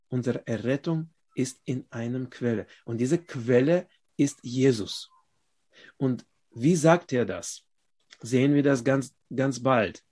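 Slow, halting male preacher. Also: medium pitch. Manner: slow, halting delivery with pauses, rising loud when reading scripture aloud. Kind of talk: sermon.

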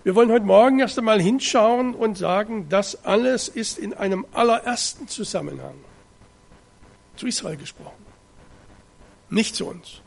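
A middle-aged man from eastern Germany preaching a sermon, reading scripture in a measured, solemn way with slow, weighty stresses. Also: high-pitched, vocal fry. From Ore Mountains, eastern Germany.

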